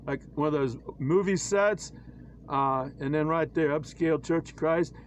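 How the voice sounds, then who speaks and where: Man, higher voice, casual commentary, halting, lots of fillers, preachy, wry, faint background noise. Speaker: church critic presenting his own illustrations. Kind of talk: casual screen-share commentary.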